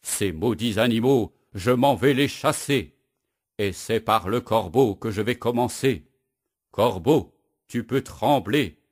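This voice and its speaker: A man voicing a big, blustering male woodcutter with a mustache, shouting indignant outbursts in a children's storybook reading. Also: on the low side, slow, slightly rough. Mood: vengeful.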